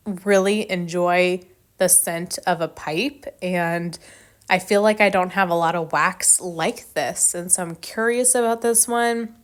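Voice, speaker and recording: Young woman vlogging wax scents, lowish voice, thinks out loud, bit strained from sneezing. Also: clear, resonant tone. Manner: chatty, mulls options aloud, reads scent notes. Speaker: wax melt reviewer. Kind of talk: casual product review vlog.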